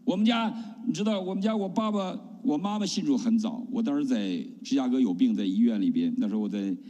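A middle-aged man from China, a pastor giving an animated testimony sermon and often asking the congregation questions. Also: on the high side, a little fast, muffled recording. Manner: animated preaching with rhetorical questions. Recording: long hall reverb.

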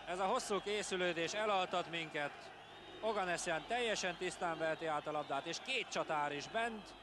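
Excitable man, high-pitched Hungarian football commentary. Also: crowd noise. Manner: excitable, clipped player names, swings into exclamations. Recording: noisy vintage TV broadcast from stadium. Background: stadium ambience.

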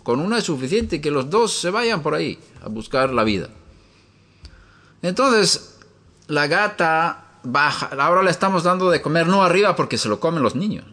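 A man's voice: a little high, sing-song, normal speed, pushed and bright. A man preaching in a teaching style from a room upstairs in his home. He asks many rhetorical questions and tells homely stories.

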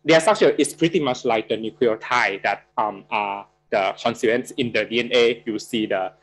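A man's voice: mid-range voice, fairly bright tone, rough recording. Thai guy in his 30s giving a chemistry-style lecture over a video call, lots of um and uh, keeps restarting. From Thailand. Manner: halting, many fillers and restarts. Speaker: guest lecturer. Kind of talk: academic lecture.

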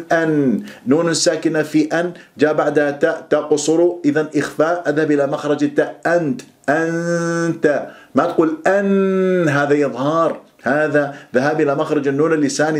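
A man's voice: fairly high pitch, flat delivery, racing, hardly any pauses. A man teaching Quran pronunciation, stretching out sounds to demonstrate them and firmly correcting common mistakes. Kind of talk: pronunciation lesson.

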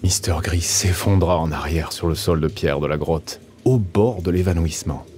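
Deep-voiced male audiobook narrator. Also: normal speed, darkish tone, soft background music.

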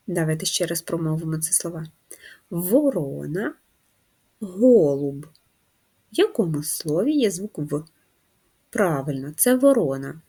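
Woman primary teacher, husky, slightly low voice, patient handwriting lesson for six-year-olds. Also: mellow. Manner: slow, patient, guiding children step by step. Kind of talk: handwriting lesson for first graders.

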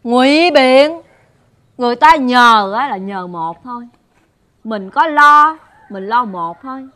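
A bossy busybody in a comedy sketch. Her voice is high and sharp as she nags and accuses without letting anyone get a word in. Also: lively intonation, slow pace, heavily acted. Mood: accusing. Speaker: women's group assistant.

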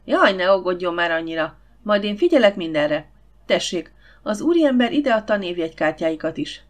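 A woman's voice: on the low side, very animated. A woman voicing a bossy, outspoken older housekeeper in an audiobook, talking bluntly and grumbling.

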